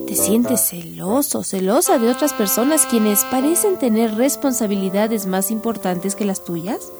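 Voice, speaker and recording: A woman reading scripture and a children's devotional in an earnest, measured, reverent way. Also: mid-range voice, expressive. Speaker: devotional reader. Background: music.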